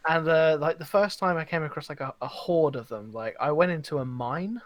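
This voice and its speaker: Fairly high-pitched and fairly quick, this man hosts a video game podcast, rambling casually and performing the reactions in his stories. The recording is dry, and the chat is animated.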